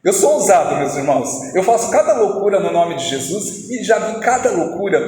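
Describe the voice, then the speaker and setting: High-voiced preacher man in echoey hall. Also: very animated, fairly quick, a little mellow. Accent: Brazilian Portuguese. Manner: storytelling, acting out dialogue. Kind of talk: testimony sermon. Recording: echoey hall, faint noise.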